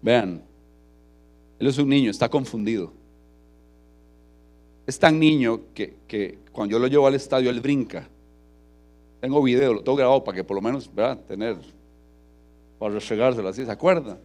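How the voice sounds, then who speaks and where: A middle-aged man with a Costa Rican accent, preaching a sermon. He tells personal stories, tags many phrases with "¿verdad?", and builds to loud, forceful emphasis. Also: mid-range voice, normal speed, long pauses. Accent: Costa Rican Spanish. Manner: frequent tag question "¿verdad?", storytelling, rising to forceful emphasis. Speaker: pastor.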